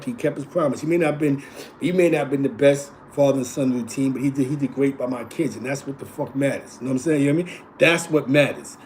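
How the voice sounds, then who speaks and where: In a mid-range, darkish voice with slight background noise, a New York-accented host in his forties tells tales of his East Harlem neighborhood. He rambles, repeats himself, and bridges gaps with "you know what I'm saying," keeping it casual and streetwise.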